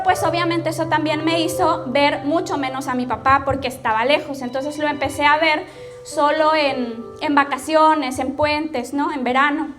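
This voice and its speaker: Mexican woman pastor, high voice, personal testimony over music, chatty storyteller. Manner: storytelling, addresses the audience directly with frequent "¿ok?".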